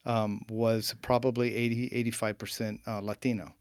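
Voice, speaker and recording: A man's voice: fairly low pitch, level tone, moderate pace, no echo, clean studio sound. A man in a casual panel conversation who talks hesitantly, with many ums and stammered starts.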